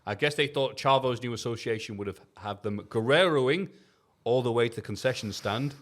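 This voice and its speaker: A man's voice: medium pitch, brisk, fairly bright tone. A man co-hosting a wrestling review podcast, reading his written recap in a jokey, casual way, swearing and laughing often.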